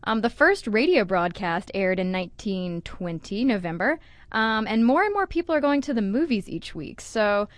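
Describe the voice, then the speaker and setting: A woman co-hosting a casual chat, explaining in a lively, conversational way with everyday slang. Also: mid-range voice, moderate pace, no room sound. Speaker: podcast co-host.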